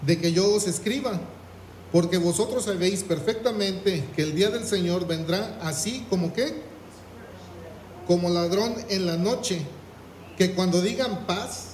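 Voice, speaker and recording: A man with a high, darkish voice preaches a sermon, reading scripture aloud and asking the congregation "¿qué?". The recording is rough and roomy, with slight background noise.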